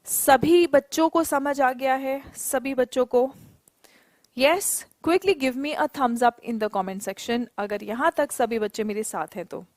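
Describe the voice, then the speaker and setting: Indian lady teaching english online, high voice, slow and careful, dry close mic. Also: a little mellow, no room sound. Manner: mixes Hindi and English, coaxing students; slow, drawn-out English example sentences. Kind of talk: online live English class.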